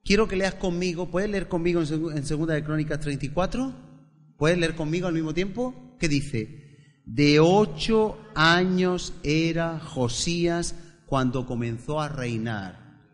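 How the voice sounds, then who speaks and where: Higher-pitched pastor in reverberant hall. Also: male voice, normal speed. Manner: stammers on repeated words, builds to emphatic preaching. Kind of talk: sermon with opening prayer. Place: church hall. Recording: long church-hall reverb.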